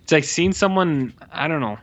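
A man chatting casually and jokingly about films as a podcast co-host, in an animated manner. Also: on the high side, normal speed. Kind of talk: casual, joking movie chat.

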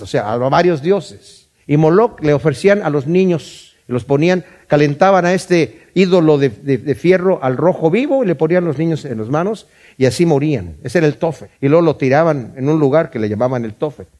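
A man's voice: a little high, darkish tone. A middle-aged man from Mexico with a Mexican Spanish accent, teaching a Bible study in a conversational way, often repeating words and asking "¿verdad?".

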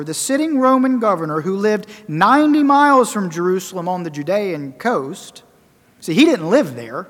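A man preaching a sermon, emphatic and rhetorical, repeating phrases for effect and swinging between loud and soft. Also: high voice. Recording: long reverberant hall.

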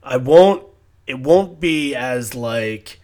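A man's voice: medium pitch, animated, slow, a little mellow. A man hosting a podcast in casual chat, talking in a rambling, reflective way. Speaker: podcast host.

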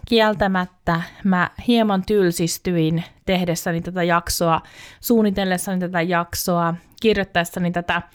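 A woman's voice: mid-range voice, clean tone. Finnish-speaking woman hosting a reflective podcast. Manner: reflective, addresses the listener directly. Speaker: podcast host. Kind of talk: scripted podcast monologue.

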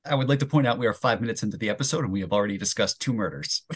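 A man's voice: on the low side, very fast, slightly rough. A man co-hosting a comics interview podcast, friendly and laughing along with his guest. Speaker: podcast co-host.

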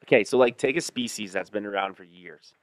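A man with a Canadian accent and a low, smooth voice, recorded dry and close. He talks like a bro among buddies, casual and slangy, piling on hyperbole as he tells his stories. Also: brisk, no echo. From Ontario, Canada. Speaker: podcast co-host. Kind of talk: casual hunting chat.

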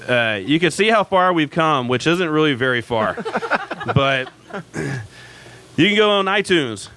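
A man's voice: on the high side, lively intonation, measured pace, background noise. A man hosting a casual live radio show from a pub, chatty and self-mocking, with lots of fillers.

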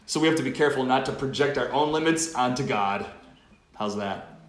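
A man, a priest, reading the gospel and preaching a homily at Mass in a measured, earnest way, his voice ringing in a cathedral-like echo. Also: medium pitch. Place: large church. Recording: echoey church acoustics.

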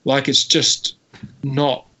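A man's voice: medium pitch, monotone, extremely slow, sharp tone, full character voice. A man quoting a fuming missionary. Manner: exasperated, emphatic. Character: indignant male missionary confronting settlers. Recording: slightly muffled audio.

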